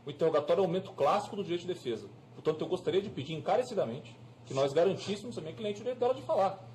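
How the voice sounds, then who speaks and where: A man's voice: high-pitched, lively intonation, rapid-fire, a little mellow, a little hiss or hum. A man with a Brazilian Portuguese accent, a defense lawyer arguing urgently but with formal politeness to be heard. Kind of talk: courtroom argument.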